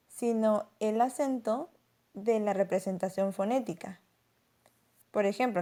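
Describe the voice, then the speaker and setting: A woman narrating a scripted lesson as a teacher, explaining clearly and slowing down to stress example words. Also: medium pitch, mellow.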